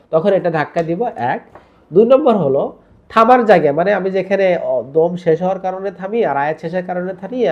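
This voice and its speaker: A man with a fairly high voice teaches Quran recitation rules. He explains each rule step by step and drills syllables for learners to repeat. The sound is a little muffled and lo-fi. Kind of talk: tajweed lesson with recitation drills.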